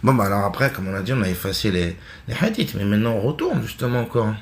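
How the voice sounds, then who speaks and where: Gravelly low-voiced man talking bluntly. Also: animated, fast, a little hiss or hum. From France. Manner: blunt, conversational, full of asides and restarts. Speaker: online religious commentator. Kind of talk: casual monologue.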